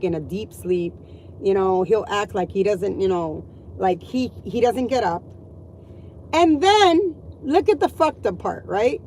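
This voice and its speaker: A woman's voice: medium pitch, a little mellow, a little hiss or hum, poor audio. A middle-aged woman and mother venting to her viewers in a blunt, profane, exasperated rant. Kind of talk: ranting vlog monologue.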